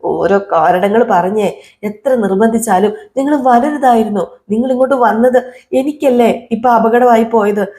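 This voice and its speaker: Woman playing a resentful young wife, accusing, sharp questions, warm mellow tone, soap recap. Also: fairly high pitch, moderate pace, lightly acted.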